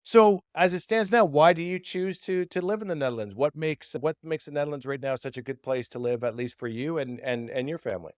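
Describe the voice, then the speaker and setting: A man's voice: fairly high pitch, a little fast, hardly any pauses, dry recording, clean studio sound. A man hosting a podcast interview, asking long questions with many repeated words. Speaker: podcast host.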